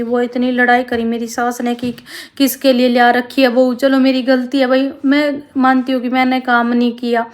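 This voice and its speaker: A woman, pouring out her story to her viewers in a rambling, heartfelt vlog. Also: high voice. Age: 20s. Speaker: family vlogger. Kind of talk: confessional talk to camera.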